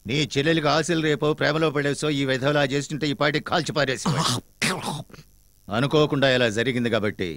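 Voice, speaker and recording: An actor as a brusque landlord master. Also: male voice, a little high, steady tone, a little fast, a bit bright, dry recording, lightly acted. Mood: stern. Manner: brusque, commanding questions. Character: stern middle-aged landlord, brusque master. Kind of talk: dubbed film comedy dialogue.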